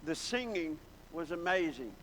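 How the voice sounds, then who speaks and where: A man's voice: a little high, very animated, unhurried, fairly bright tone. A man preaching a sermon, telling folksy stories from his past and building to emphatic exclamations. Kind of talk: sermon with storytelling. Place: large church hall. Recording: long hall reverb, faint background noise.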